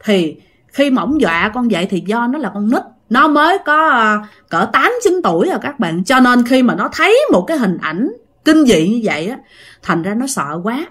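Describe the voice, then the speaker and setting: A woman narrates a ghost story casually and chattily, speaking directly to her listeners. Her fairly high voice is very animated and a bit bright, at a moderate pace.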